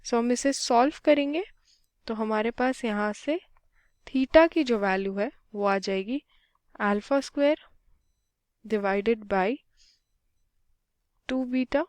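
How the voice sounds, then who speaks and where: A woman, slowly working through a physics problem step by step in a mix of Hindi and English. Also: on the high side, a little mellow, dry recording. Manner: unhurried, mixes Hindi and English, talks through each step aloud. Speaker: physics tutor. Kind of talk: slow step-by-step problem solving.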